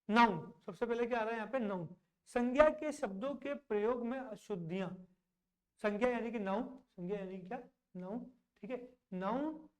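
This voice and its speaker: Female teacher, a bit high-pitched, drills grammar by asking and answering her own questions. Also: poor audio. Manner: asks questions and answers them herself, reads examples slowly. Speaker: English teacher. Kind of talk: classroom grammar lesson.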